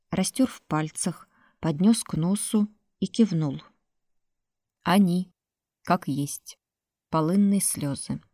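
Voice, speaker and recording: A woman reads a story aloud in a slow, unhurried voice, somewhat low. The recording is dry and close to the mic. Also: darkish tone, no echo. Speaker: narrator. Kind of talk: audiobook narration.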